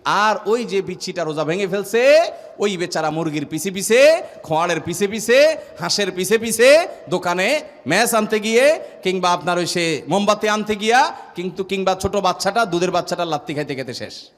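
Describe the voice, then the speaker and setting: A man's voice: sits high, animated, normal speed, long reverb tail. A male Islamic preacher giving a storytelling sermon, asking repeated rhetorical questions and building long repeated lists. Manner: rhetorical refrains, repeated lists, acts out family voices.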